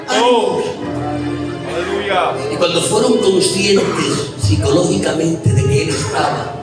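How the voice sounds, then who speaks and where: A high-pitched man with an Extremaduran accent preaches an animated evangelical sermon, his voice rising loud and dropping hushed. He sounds distant from the mic in a roomy church hall with a long reverb tail. Loud music plays behind him. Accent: Extremaduran Spanish. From Extremadura, Spain.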